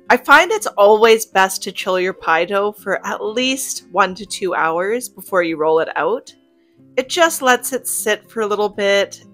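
A woman narrates a homemaking cooking vlog. Her voice sits at an ordinary middle pitch, and she talks to viewers in a cheerful, chatty way. Soft guitar music plays faintly underneath. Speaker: homemaking vlogger. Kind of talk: cook-with-me voice-over narration.

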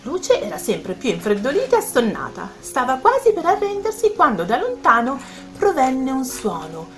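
Animated, high-pitched woman storyteller addressing children, faint music behind. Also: normal speed. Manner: animated, speaks directly to the children. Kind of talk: children's bedtime story narration.

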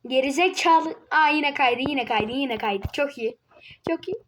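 A woman giving casual gameplay commentary, excitable, teasing other players and yelping or muttering to herself while she plays. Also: high voice, a little slow, heavy background noise. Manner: excitable, yelps and mutters to self while playing. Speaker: gaming video creator.

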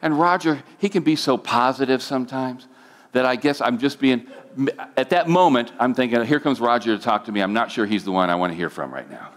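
A man's voice: medium pitch, a little fast. A middle-aged man, a pastor, telling a personal testimony in a sermon, his voice climbing when he gets emotional. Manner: emotional storytelling, voice rising when moved.

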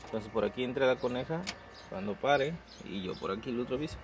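A man's voice: mid-range voice, fairly quick. A man chatting casually in a vlog about raising rabbits, speaking on a phone camera outdoors by his hutches. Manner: chatty and relaxed, coos softly to baby rabbits. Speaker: rabbit breeder vlogger. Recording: noisy outdoor phone recording.

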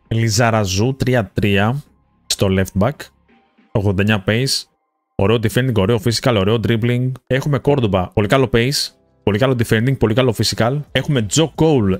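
Young man from Greece, low voice, gaming pack-opening commentator, dry close mic, faint game music behind. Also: no room sound. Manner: rattles through card stats, excited bursts at big pulls. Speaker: gaming YouTuber.

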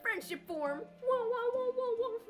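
A woman voicing an excitable, mischievous little boy in a fantasy video game, playful and exclamatory. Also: sits high, moderate pace, faint music behind, pitched above the performer's own voice. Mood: gleeful.

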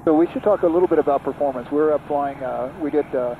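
A man's voice: a little high, fast talker, phone-quality sound, noisy background. Middle-aged man reviewing a plane in flight. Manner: thoughtful, with frequent restarts. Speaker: aviation magazine reviewer. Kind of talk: casual cockpit conversation. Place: small aircraft cockpit in flight. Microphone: headset boom mic. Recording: loud engine drone behind.

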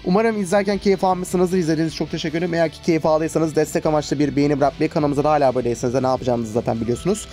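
A man's voice: a little high, steady tone, very fast, hardly any pauses, dark tone, soft background music. A man hosting a gaming channel, giving chatty let's play commentary with exasperated outbursts. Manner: chatty, exasperated exclamations while fighting.

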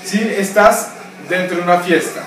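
Energetic young man coaching, echoey and distant. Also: high-pitched, moderate pace, over loud music. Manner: energetic, direct, addresses viewer as "amigo". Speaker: voice coach vlogger. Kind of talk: casual instructional vlog. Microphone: camera mic at a distance. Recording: echoey room, voice far from mic.

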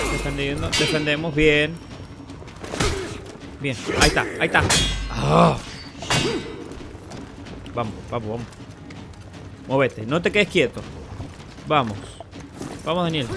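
Excitable high-voiced gaming host. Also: male voice, vocal fry, very noisy. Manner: excitable, exclaiming and repeating short phrases. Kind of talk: live gameplay commentary.

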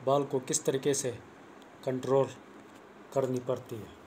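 A man's voice: medium pitch, flat delivery, unhurried, mellow, a little hiss or hum. A young man, giving a plain, repetitive cricket bowling tutorial into a lapel mic in a small room. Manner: plain, repetitive, earnest instruction. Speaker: cricket coach vlogger. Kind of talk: casual spoken tutorial. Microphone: clip-on lapel mic, phone camera close.

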